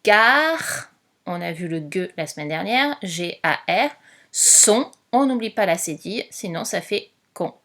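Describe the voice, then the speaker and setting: A woman teacher giving a slow spelling dictation, patiently spelling out letters one by one. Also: lowish voice, animated.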